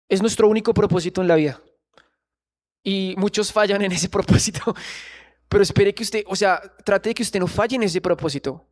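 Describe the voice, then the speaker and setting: A man preaching a sermon in church, earnestly questioning the congregation. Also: sits high.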